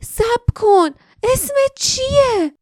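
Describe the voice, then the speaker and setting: A woman's voice: high-pitched, expressive, dark tone, no echo, clean studio sound, voice pushed up. A woman voicing a brave, anxious young heroine in an audiobook, speaking urgently and pleadingly. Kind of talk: audiobook character voice.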